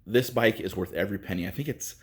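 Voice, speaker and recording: A man giving a casual, halting walkthrough of a bike in a workshop, with lots of fillers, a bit out of breath. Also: lowish voice. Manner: rambling, halting, with many fillers. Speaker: bike reviewer. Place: indoor workshop.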